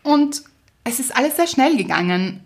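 A woman, co-hosting a podcast and telling a story in a casual, lively way, laughing often. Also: high voice, moderate pace. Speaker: podcast co-host. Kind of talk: casual chat.

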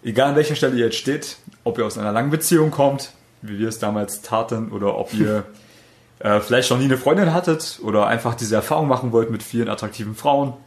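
A man's voice: medium pitch, fast. A man hosting a podcast as a dating coach, telling stories in a loose, rambling way with fillers and self-corrections. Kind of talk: casual podcast chat.

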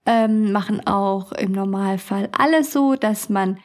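Unhurried and medium-pitched, a young adult woman hosts a casual storytelling podcast and tells funny stories. She's chatty, laughs often, and acts out her customers' voices, drawing on her work as a beauty studio owner.

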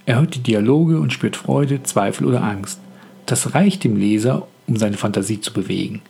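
A man who is an author hosting a scripted podcast on the craft of writing, speaking in a calm, reflective and measured way. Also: mid-range voice, vocal fry, slightly rough.

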